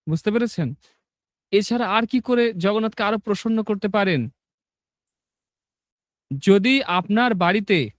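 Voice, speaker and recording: A man's voice: high-pitched, no room sound, clean studio sound. A man teaching a devotional class, explaining rules and then reciting a long list of sacred names, often checking that listeners understand. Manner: instructive, asks "understood?" often. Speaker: religious teacher.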